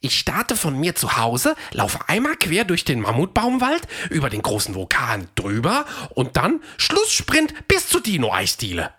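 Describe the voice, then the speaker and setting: A woman voicing Fred, a fast, eager male dinosaur runner in a children's audio story, in a high, excited voice. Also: breathy edge, heavily acted.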